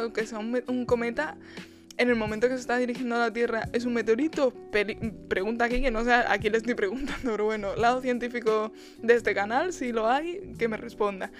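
A chatty young woman hosting a podcast reviews a film in a casual monologue, her voice on the high side. She laughs often, restarts frequently and throws in quoted asides.

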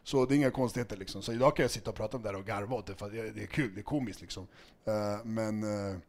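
A man chatting casually as a podcast guest, telling animated stories that swing from loud and laughing to quiet asides. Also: lowish voice. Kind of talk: casual chat.

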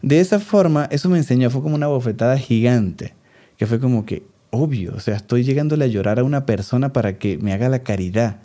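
A man in his thirties with a Venezuelan accent, co-hosting a casual chat and telling stories with lively acted-out quotes. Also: medium pitch, fast. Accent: Venezuelan Spanish. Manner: animated storytelling, acts out quoted voices. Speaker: podcast co-host.

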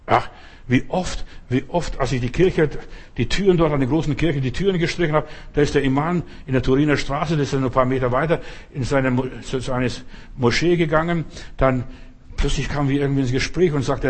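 Older man preaching fatherly advice. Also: a little high. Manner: fatherly, direct, repeats short commands. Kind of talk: informal street sermon.

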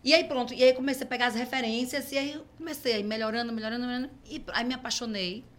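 A middle-aged woman with a Brazilian Portuguese accent, a podcast guest who tells stories in a lively way and acts out the dialogue. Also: fairly high pitch, very fast, slight background noise. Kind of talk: conversational storytelling.

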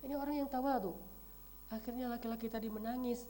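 A woman preacher tells a story in an animated sermon and rises to emphatic peaks. Her voice is warm and mellow and sits a little high. A faint hum runs behind her. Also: fast talker.

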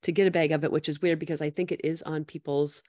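A woman's voice: low voice, fairly even intonation, fast, warm tone. A woman hosting a podcast in casual chat, bubbly, laughing often and using many fillers. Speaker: podcast host.

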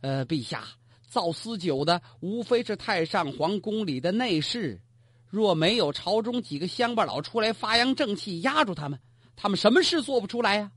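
A man voicing a calm, unhurried court tutor giving shrewd advice in a storytelling performance. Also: sits high, breathy edge, no room sound, heavily acted. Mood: persuasive. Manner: unhurried, persuasive.

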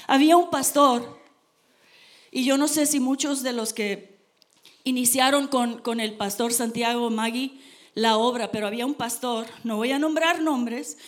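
A woman preaching a sermon to her congregation, earnest and emphatic. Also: high voice.

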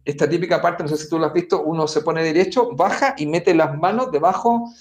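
A man's voice: fairly high pitch, fairly quick. A man on a podcast giving advice, explaining conversationally and talking straight to the listener. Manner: talks straight to the listener, often saying "mira" and "amigo". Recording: roomy echo with faint music.

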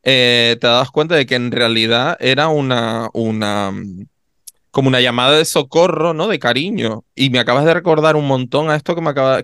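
A man co-hosting a podcast in casual chat, expressive and full of little tag questions. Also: medium pitch, clean tone, dry recording, studio quality. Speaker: podcast co-host.

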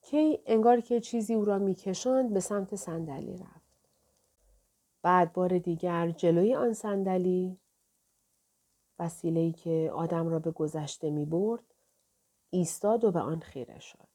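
Female audiobook reader; gentle, steady delivery, mellow voice. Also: on the low side, long pauses. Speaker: audiobook narrator. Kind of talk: scripted narration.

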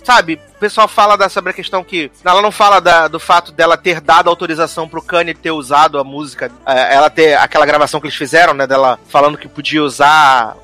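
A man's voice: fairly high pitch, steady tone, quick pace, few pauses, pushed and bright, soft background music. A man co-hosting a podcast, chatting casually and animatedly, now and then mimicking the people he describes. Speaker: podcast co-host. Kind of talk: casual chat review.

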